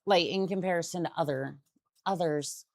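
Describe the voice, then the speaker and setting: A woman's voice: on the low side, normal speed, dry recording. A young adult woman streamer chatting casually while playing a game, rambling and often restarting her sentences. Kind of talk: casual gaming stream chat.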